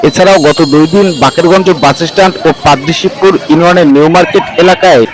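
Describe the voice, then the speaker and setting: A man's voice: high voice, fast, rough recording. A man reading scripted news narration in a formal manner, as a report voice-over.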